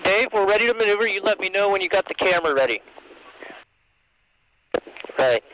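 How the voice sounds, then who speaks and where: A man commanding a spacecraft crew over the intercom, calm and giving terse orders. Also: sits high, brisk. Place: spacecraft cockpit. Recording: crackly radio with hiss.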